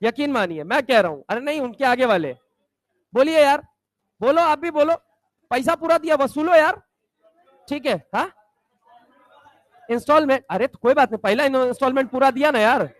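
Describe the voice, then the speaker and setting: A man teaching chemistry to a class, bantering and teasing students and drilling mnemonics slowly, sometimes shouting key points. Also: extremely high pitch, no echo. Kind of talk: classroom lecture with call-and-response.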